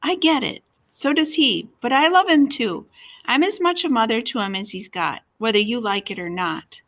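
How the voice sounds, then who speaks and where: A woman voicing a caring mother figure who speaks slowly and chooses her words with care, in a read-aloud story. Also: on the high side, expressive, a bit bright, pitched above the performer's own voice. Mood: earnest. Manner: slow, careful wording. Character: caring stepmother figure, calm and careful.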